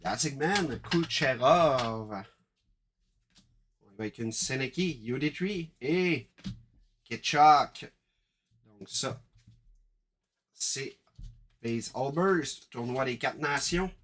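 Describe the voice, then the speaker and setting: A man with a Quebec French accent hosting a live card-break stream, chatting briskly and calling out each card as he opens packs. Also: mid-range voice, animated, fairly bright tone.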